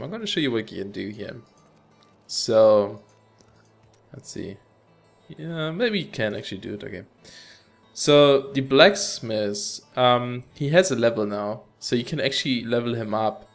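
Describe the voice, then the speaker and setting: A man casually commenting on his gameplay, upbeat and rambling, in a middle-pitched voice. Game music plays faintly behind him. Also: lively intonation, moderate pace, gravelly. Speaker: gaming channel host. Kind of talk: let's play commentary.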